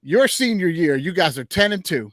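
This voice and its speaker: A man's voice: a little high, very animated, moderate pace, dry recording, clean studio sound. A man hosting a sports podcast, chatting loosely with a former player about college recruiting. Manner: chatty, loose, drops a mild curse. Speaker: podcast host. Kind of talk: casual sports interview chat.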